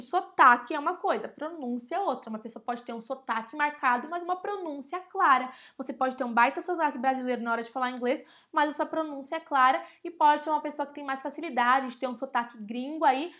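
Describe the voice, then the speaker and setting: A woman's voice: sits high, pushed and bright. A woman with a Brazilian Portuguese accent teaching English in a casual online lesson, chatty and often addressing her audience directly. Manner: slows down to spell and repeat example words.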